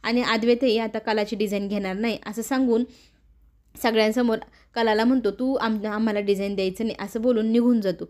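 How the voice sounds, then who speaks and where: A woman's voice: on the high side, steady tone, a little fast, a little mellow. A woman narrating a recap of a TV serial episode, retelling each scene and reading the characters' lines in her own voice.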